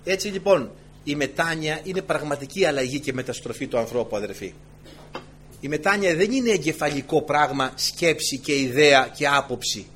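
A man with a fairly high voice preaches a sermon to his congregation, recorded with a little hiss or hum. He tells stories in an animated way, with many asides.

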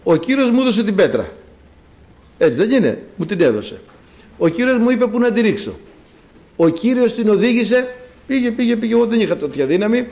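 A man preaching a sermon, speaking straight to his congregation in an animated, fervent way. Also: high-pitched, pauses often.

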